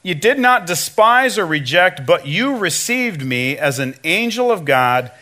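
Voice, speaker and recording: High bright-voiced man preaching casually. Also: sing-song, a little slow. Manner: conversational, many "you know" and "right?" asides; acts out quoted lines in shifting voices. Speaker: substitute pastor. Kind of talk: sermon. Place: church.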